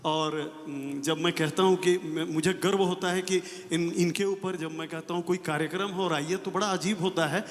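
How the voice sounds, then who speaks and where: A man with a slightly raised pitch gives a formal, respectful speech and quotes a poem. His voice echoes in a large hall. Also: steady tone, moderate pace, few pauses. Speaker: writer and event organizer. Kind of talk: formal speech at a literary session. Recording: hall reverb.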